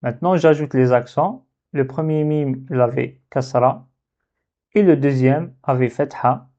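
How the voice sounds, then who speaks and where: Slow man teaching Arabic letters. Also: medium pitch, warm tone. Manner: slow, thinking aloud. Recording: dull lo-fi sound.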